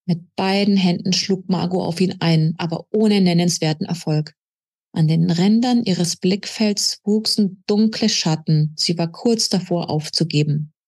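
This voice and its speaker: A woman author reading aloud from her own novel in a steady, measured narrating manner. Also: on the low side, husky.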